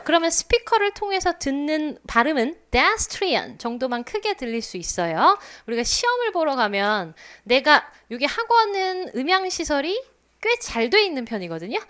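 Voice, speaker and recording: A woman teaching an English test class at an academy, drilling phrases and repeating English words slowly for students. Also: high-pitched, a bit bright. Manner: drills phrases with slow, exaggerated English repetition. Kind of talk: classroom lecture. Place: lecture room at a language academy.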